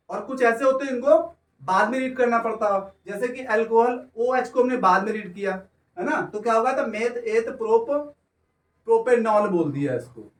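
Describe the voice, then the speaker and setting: High-voiced male teacher, echoey classroom. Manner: keeps asking if students understand, draws out words. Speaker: chemistry teacher. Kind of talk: classroom lecture. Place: classroom with students. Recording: echoey room, voice from far off.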